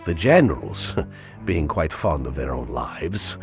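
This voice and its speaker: A man's voice: extremely low pitch, big pitch swings, slow pace, vocal fry, soft background music, exaggerated voice. A man playing a wry, war-weary Soviet soldier narrating a war game story in a dry, sardonic way.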